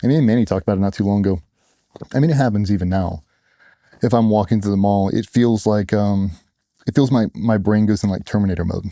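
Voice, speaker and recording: A man's voice: lowish voice, brisk, mellow, no room sound, clean studio sound. A middle-aged man, a former soldier, telling his own story in a blunt, casual way, acting out what others said. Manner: blunt, casual, with acted-out quotes. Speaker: interview guest, former Navy SEAL. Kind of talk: candid personal storytelling.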